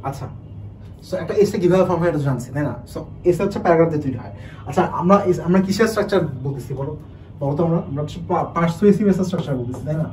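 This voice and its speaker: Fast-talking man teacher. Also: on the high side, mellow, distant mic, a little hiss or hum, poor audio. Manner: rapid, restarts often, asks the students rhetorical questions. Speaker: admission test English teacher. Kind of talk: online class lecture.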